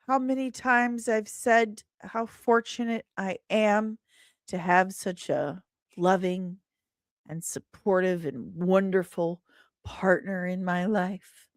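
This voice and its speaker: Hosting a casual livestream about entertainment news, a woman with a medium-pitched voice talks playfully and teases, repeating phrases to stress them. The recording is dry and studio clean.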